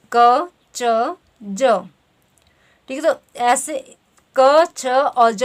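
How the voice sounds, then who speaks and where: A woman teaching grammar, walking through quiz questions and repeating "theek hai" as she explains. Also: fairly high pitch. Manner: says "theek hai" constantly, reads options slowly.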